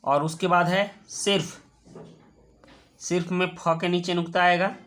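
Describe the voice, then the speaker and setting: A man with a high, slightly bright voice and a flat delivery walks through a children's worksheet lesson step by step. He explains patiently and repeats words slowly.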